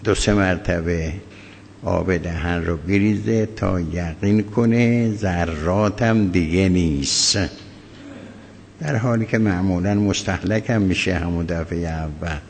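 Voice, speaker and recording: A man, a cleric, teaching a religious law lesson in a measured, halting way with many pauses and fillers. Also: deep voice, creaky, a little mellow, slight background noise. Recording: echoey hall, faint ambience.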